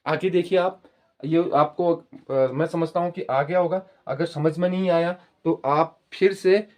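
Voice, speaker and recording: A man's voice: a little high, fairly even intonation, a little slow. A man teaching a Hindi spelling and pronunciation lesson, explaining patiently to students and repeating words. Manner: addresses viewers as children. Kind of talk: spoken grammar lesson.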